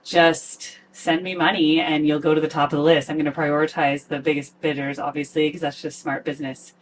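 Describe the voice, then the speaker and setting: A woman's voice: sits low, little pitch movement, a little fast, distant mic, slight background noise. A woman who teaches voice, giving a candid, chatty and analytical reaction with lots of "like". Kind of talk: casual reaction commentary.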